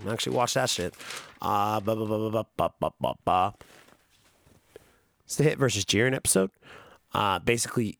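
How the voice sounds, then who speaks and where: With a gravelly, mid-range male voice, this podcast co-host rambles along in casual, profane talk, frequently using fillers and restarting his sentences. The sound is clean studio audio without any room sound.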